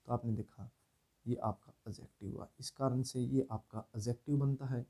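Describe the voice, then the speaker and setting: A man teaching English grammar, explaining slowly and often asking whether students follow. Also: medium pitch, steady tone, warm tone, husky. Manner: repetitive checking-in, asks if students understand. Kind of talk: classroom lesson explaining grammar.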